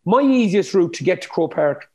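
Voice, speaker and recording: A man's voice: high voice, very animated, normal speed, a little mellow. A man in casual, opinionated discussion, emphatic and colloquial, often repeating words as he starts.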